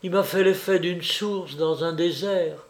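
Man doing agitated young society woman, pleading, reproachful, storybook reading, slow. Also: high-pitched.

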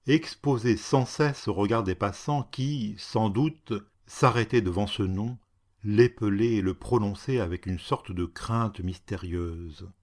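A man reading a story aloud as narrator, slow and deliberate. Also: fairly low pitch.

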